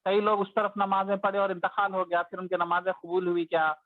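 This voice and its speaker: High-voiced man explaining over a tinny line. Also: monotone, fairly quick, no room sound. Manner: explains in a storytelling way, acts out people's complaints. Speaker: Islamic teacher. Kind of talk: conversational religious talk. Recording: dry, tinny phone-like sound.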